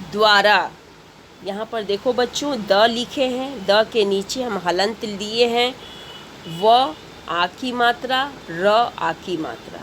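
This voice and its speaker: A woman's voice: a little high, slight background noise. A woman teacher giving a grammar lesson to schoolchildren, patiently repeating and spelling out each step.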